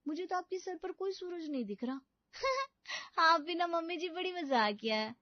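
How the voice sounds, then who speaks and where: A woman's voice: very high-pitched, sing-song, moderate pace, no echo, lo-fi sound, pitched above the performer's own voice. A woman voicing a naive, dim-witted young bride who talks innocently and sweetly in a cartoon story.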